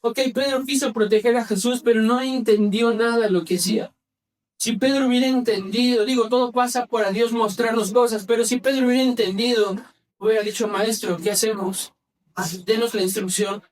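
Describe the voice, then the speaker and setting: Emphatic pastor preaching in church. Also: male voice, very high voice, fairly even intonation, recorded from a distance. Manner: asks the congregation questions and has them repeat phrases; emphatic, shifts from brisk to slow and soft. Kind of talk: sermon.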